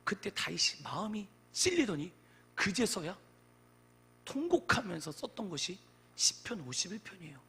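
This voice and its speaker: A man preaching a sermon in a church sanctuary, fervent, swinging between loud exhortation and hushed whispers. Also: high-pitched, sing-song, moderate pace, creaky, husky. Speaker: pastor. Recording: long church-hall reverb.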